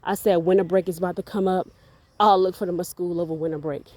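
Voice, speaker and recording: Earnest woman, low mellow voice. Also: steady tone, quick pace, no room sound. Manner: earnest, rambling, faith-filled, repeats words. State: a bit out of breath. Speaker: parent vlogger. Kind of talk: casual testimony vlog.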